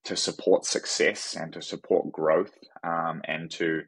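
Deep-voiced New Zealand man, husky. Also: a little slow, no echo. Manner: relaxed, frequent restarts and fillers. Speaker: podcast guest. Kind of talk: casual conversation.

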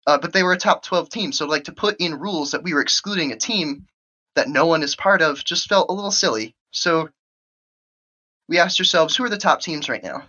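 A woman organizing a gaming tournament, explaining her plans in an animated, casual podcast conversation. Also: low voice. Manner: animated, quick bursts of speech. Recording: muffled lo-fi audio.

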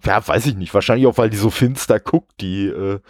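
A man's voice: on the low side, a little fast, darkish tone, no room sound, studio quality. Chatty man hosting a retro gaming podcast. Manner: chatty, many fillers, laughs often. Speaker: podcast host. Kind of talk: casual podcast chat.

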